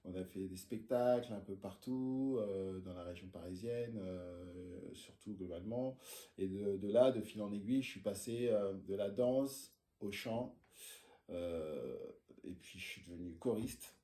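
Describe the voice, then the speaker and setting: Sitting in his osteopathy practice room, a Frenchman in his forties recounts his life in an informal interview, stumbling frequently over fillers and false starts. He speaks a little slowly in a low, mellow voice. The room sounds echoey.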